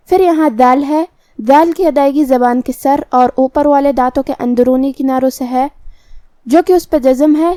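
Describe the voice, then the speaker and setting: A woman with an Urdu accent teaching Quran recitation rules, explaining pronunciation in a measured, methodical way. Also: sits high, warm tone, no room sound, clean studio sound. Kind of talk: tajweed lesson, explaining then reciting.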